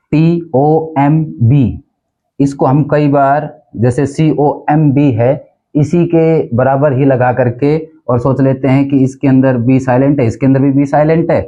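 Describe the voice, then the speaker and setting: Slow, mellow man teaching pronunciation. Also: medium pitch. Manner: repeats each word several times, drawn out. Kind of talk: slow classroom explanation with repeated words. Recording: dull lo-fi sound.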